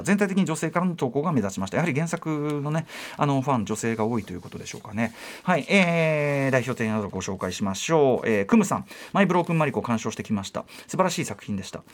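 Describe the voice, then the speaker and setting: A man hosting a radio film-review show, reading listener emails and adding his own rambling asides with many fillers. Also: mid-range voice. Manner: rapid, lively delivery with many fillers and asides.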